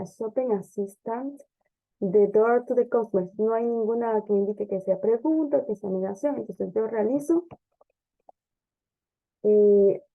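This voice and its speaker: A woman teacher explaining English grammar step by step, often checking understanding with a quick "ok?" or "¿sí?". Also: mid-range voice, vocal fry. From Ecuador. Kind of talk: classroom grammar lesson. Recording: dull lo-fi lesson recording.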